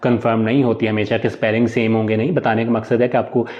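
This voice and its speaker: A man's voice: fairly low pitch, little pitch movement, quick pace, darkish tone, dull audio. A man teaching Italian in a live online class, explaining step by step and mixing English words into his talk. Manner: explains step by step, asks and answers his own questions; mixes Hindi-Urdu with English and Italian words.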